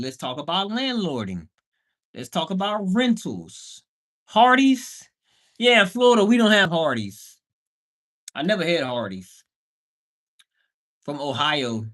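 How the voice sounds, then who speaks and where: The host of a casual livestream, a Bahamian man who flips houses, has a slightly bright voice on the high side. He chats in a playful, slangy way and breaks into emphatic exclamations.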